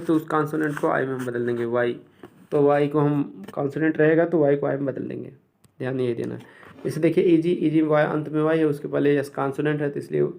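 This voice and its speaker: A man who teaches English, explaining grammar rules step by step and slowly repeating each example word. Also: fairly high pitch, vocal fry, a little mellow.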